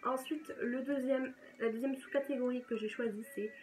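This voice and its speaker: A young woman vlogs casually about her reading picks, her voice sitting a little high. She talks with eager enthusiasm and often restarts her sentences. A faint noise hums under the recording. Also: fairly even intonation, normal speed, a little mellow, poor audio. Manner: chatty, enthusiastic, self-correcting. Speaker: book vlogger. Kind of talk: casual chat.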